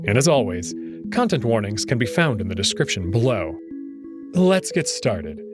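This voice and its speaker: A man hosts a visual novel playthrough, reading the scripted narration in a dramatic storytelling style over background music. His voice is lowish, with big pitch swings and a moderate pace.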